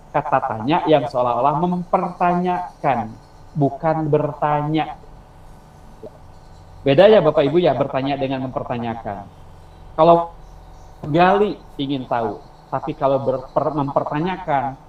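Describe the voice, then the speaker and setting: A man's voice: fairly high pitch, a little mellow, dull audio. A man teaching an online teacher-training class, explaining step by step and asking the class questions. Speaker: instructor. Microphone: video call. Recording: roomy, distant mic, faint insect noise.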